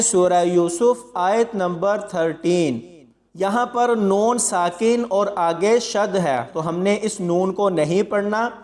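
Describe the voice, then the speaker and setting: In a large hall, a man with a high voice gives a spoken lesson on Quran pronunciation. He calmly explains each word and slowly spells out its syllables before reciting it.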